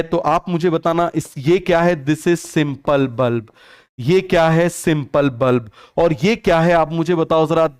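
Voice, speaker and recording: A young man with a high, clear, resonant voice teaches a biology class online, mixing English terms into his Hindi. He keeps posing questions and answering them himself, repeating each term several times.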